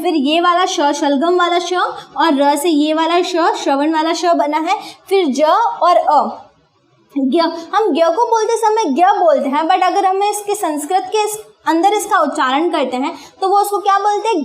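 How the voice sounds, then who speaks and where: A woman's voice: very high-pitched, reverberant. A woman teacher giving a classroom grammar lesson. She asks questions and answers them herself, repeating key terms for emphasis.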